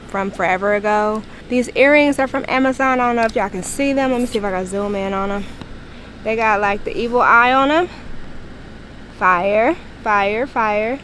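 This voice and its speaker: A woman's voice: fairly high pitch, fairly bright tone, a little hiss or hum. A woman in her thirties talking casually to camera, rambling and swearing, a little tearful, filming in a car and a parking lot on a camera mic. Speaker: vlogger. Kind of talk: casual vlog talk. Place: parked car, then outdoor parking lot.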